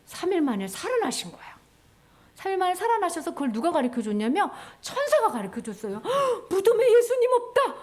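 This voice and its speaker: A woman's voice: high voice, sing-song, brisk, darkish tone. A woman teaching children in church, telling a Bible story with playful questions.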